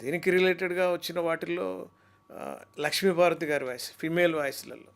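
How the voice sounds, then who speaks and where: Male mimicry artist, high-pitched, chatty and animated interviewee. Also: fairly quick, gravelly. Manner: animated, talkative storyteller. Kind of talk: interview chat.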